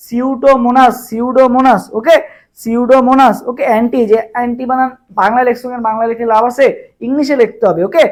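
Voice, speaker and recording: A young Bangladeshi man runs a live exam-prep lesson, firing the same question again and again before giving the answer. His voice sits fairly high and the words come quickly. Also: a little mellow. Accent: Bangladeshi Bengali. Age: young adult. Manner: fast, repetitive quizzing of viewers, drills answers with memory tricks. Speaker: admission exam tutor.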